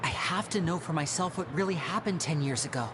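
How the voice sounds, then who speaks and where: A young actor playing a polite, proud stage magician who speaks in a measured, theatrical way in a video game. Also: male voice, a little high, animated, noisy background, natural voice. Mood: polite, poised. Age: young adult. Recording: game audio with music behind.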